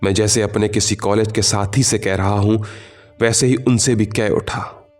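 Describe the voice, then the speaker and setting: A man narrating a literary short story in the first person, in a measured, literary reading with quiet emotional shifts. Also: on the low side, fairly even intonation.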